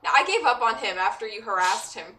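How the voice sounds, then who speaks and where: A woman's voice: a little high, animated, fast talker, bright, forceful tone, recorded from a distance. A woman playing a tabletop game, talking eagerly about her character's plans. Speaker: player. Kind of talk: casual tabletop play.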